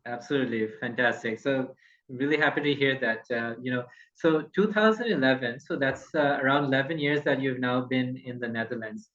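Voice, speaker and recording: A man's voice: mid-range voice, a little fast, fairly bright tone. A man hosting an interview, speaking hesitantly with many fillers and affirming replies. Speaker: interview host. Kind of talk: casual interview chat. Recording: dull lo-fi audio.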